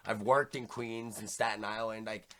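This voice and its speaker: A young man with a New York accent hosting a podcast, talking fast and full of slang in a casual chat. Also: lowish voice, fairly even intonation, sharp tone, a little hiss or hum. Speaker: podcast host.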